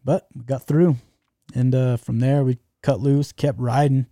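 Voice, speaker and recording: A man tells a long adventure story in a relaxed, rambling way, full of fillers and restarts. His voice is very dark and mellow at an everyday pitch. The sound is dry and close, with no room echo. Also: measured pace. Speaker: guest telling a travel story. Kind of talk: casual storytelling.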